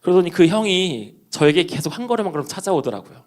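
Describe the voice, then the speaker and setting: Young male preacher, storytelling sermon, lively and fairly high. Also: fast talker. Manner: personal anecdote with quoted dialogue, addresses congregation.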